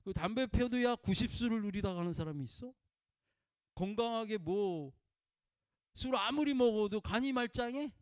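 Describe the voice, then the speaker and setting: A man preaching a conversational sermon in a folksy way, prompting listeners with "eh?" and swinging between loud emphatic bursts and quiet murmurs. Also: high voice, expressive, moderate pace, clean tone, dry recording, studio quality. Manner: folksy, peppers talk with prompting "eh?" to the congregation.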